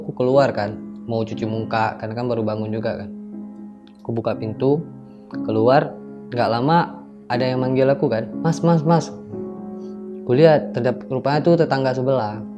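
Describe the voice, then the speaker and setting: A man's voice: mid-range voice, moderate pace, music in the background. A young man from Aceh, casually telling of his own experience as a guest and acting out the dialogue as he goes. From Aceh, Indonesia. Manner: lively retelling that acts out quoted dialogue. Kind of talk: casual spoken storytelling.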